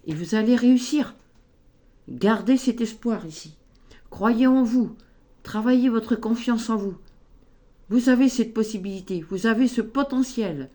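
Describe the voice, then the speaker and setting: A woman giving a spoken tarot card reading, slow and gently encouraging, often adding little tags as she goes. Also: a little high. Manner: slow, gentle, encouraging, frequent "hein" and "ici".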